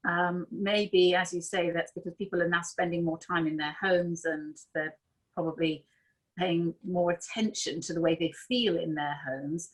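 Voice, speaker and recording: A woman's voice: fairly low pitch, steady tone, moderate pace, poor audio. A woman moderating a panel webinar, asking questions with hesitant ums. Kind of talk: panel discussion.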